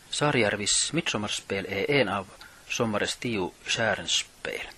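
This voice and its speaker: Low husky radio man. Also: bright, forceful tone. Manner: reads from notes, measured and plain. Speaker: radio presenter. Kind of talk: scripted radio presenting.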